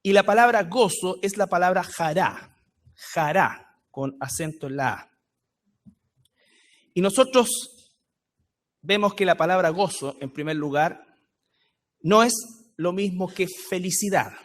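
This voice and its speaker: Chilean guy preaching in church, kinda high voice, keeps repeating stuff to make the point. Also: lively intonation, measured pace, pauses often. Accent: Chilean Spanish. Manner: explanatory, repeats key phrases for emphasis. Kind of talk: Bible study sermon.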